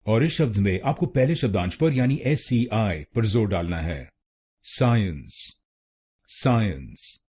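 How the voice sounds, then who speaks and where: A man with an Indian accent teaching pronunciation, slowly repeating words syllable by syllable. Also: on the low side, expressive, mellow, slightly rough. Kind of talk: instructional pronunciation tutorial.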